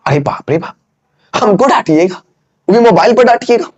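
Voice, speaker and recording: A man's voice: high voice, lively intonation, normal speed. A man voicing a schoolboy who whines and repeats his complaints about being scolded. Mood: whining. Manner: whining, repeating himself. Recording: dull lo-fi sound.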